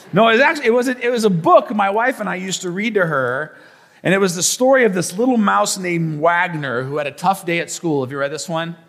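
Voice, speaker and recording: A man preaching a sermon as pastor, telling stories with playful asides and teaching in an animated way. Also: a little high, in a large hall.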